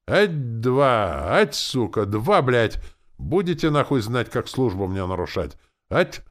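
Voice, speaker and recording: A foul-mouthed zombie jailer, put on by a man reading aloud, barks drill commands in a raised, strained voice. He yells and curses at his prisoners without pause, loud and bossy. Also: mid-range voice, sing-song, voice pushed up. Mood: furious barking. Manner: shouting, swearing, commanding.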